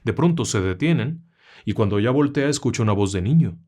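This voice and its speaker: A man's voice: mid-range voice, lively intonation, a little fast, a little mellow. A man narrating a horror story in a conversational, dramatic way, with asides to the listener.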